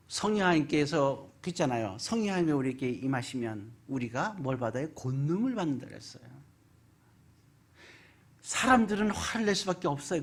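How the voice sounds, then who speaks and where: A pastor preaches a Sunday sermon in a church sanctuary, often asking the congregation questions. The voice is husky, and the pitch leaps up and down as the delivery swings from loud emphasis to near-hushed asides.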